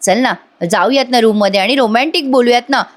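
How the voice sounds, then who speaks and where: A woman's voice: on the high side, brisk, close to an everyday voice. A woman voicing a young husband in a TV serial recap who playfully stalls for time. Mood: stalling. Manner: teasing, evasive.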